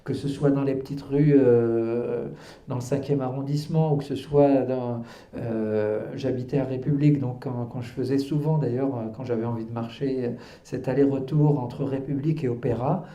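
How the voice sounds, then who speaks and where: At a public book presentation in a cultural centre hall, an Algerian-born author in his fifties, raised in Paris, takes questions as a guest, often hesitating and restarting before pressing his point with earnest conviction. His very dark, mellow, mid-range voice holds a steady tone at normal speed and rings through the roomy hall.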